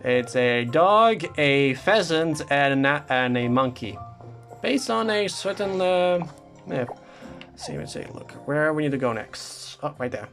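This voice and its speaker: A man casually commenting on the game he is playing. His voice sits slightly high and moves around a lot in pitch, lively even as he stumbles, restarts and fills pauses while he figures out where to go next. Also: gravelly, soft background music. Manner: hesitant, stumbling, many fillers. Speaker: let's play gamer.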